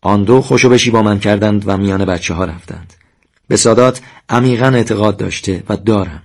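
A man narrating a first-person war memoir in a measured, solemn reading. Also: on the low side.

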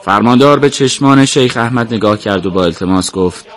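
A man giving scripted narration of a story in a plain, steady way. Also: mid-range voice.

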